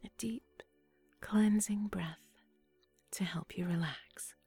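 Breathy whispering woman, mellow and unhurried, soothing guided relaxation read; dry close mic. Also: mid-range voice, steady tone, no room sound, faint music behind. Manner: slow, soothing, hushed.

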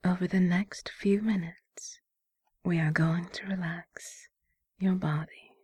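A woman hypnotist guides the listener in a soft, breathy whisper. Her voice sits a little low and stays flat and even, drawn out slowly. A faint singing bowl hums behind her. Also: no echo, clean studio sound. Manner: soft breathy whisper, slow soothing instructions.

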